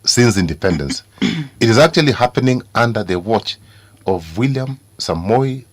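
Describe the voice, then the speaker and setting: A man with a Kenyan accent, a studio guest on a morning radio show, speaking deliberately and insistently with many fillers. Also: lowish voice, expressive, no echo. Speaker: studio guest, party executive. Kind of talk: political talk show discussion.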